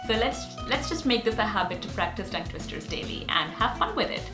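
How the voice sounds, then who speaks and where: With a mid-range, sing-song voice and a fairly quick pace, an actor and speech coach whose first language is Hindi leads speech exercises in Hindi-accented English. She's upbeat and earnest in this casual teaching vlog, recorded in an echoey room with faint music playing.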